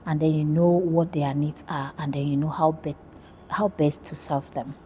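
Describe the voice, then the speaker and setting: Nigerian-born woman doing a casual interview about her research, kinda low and warm, lots of ums. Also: fairly even intonation, normal speed, slight background noise. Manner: friendly, hesitant, many fillers. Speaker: PhD student interviewee.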